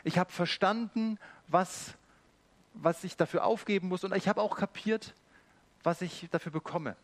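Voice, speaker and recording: Man doing frank young man, casual, candid, slightly higher voice. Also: moderate pace, no echo, natural voice. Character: young man, honest but refusing faith.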